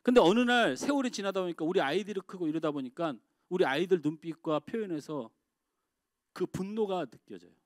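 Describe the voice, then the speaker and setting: Middle-aged male pastor, sermon delivery, slightly high voice, dry close sound, big shifts between emphatic and hushed. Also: expressive, fairly quick, no room sound. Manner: swings from loud emphatic outbursts to quiet confiding asides. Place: church sanctuary.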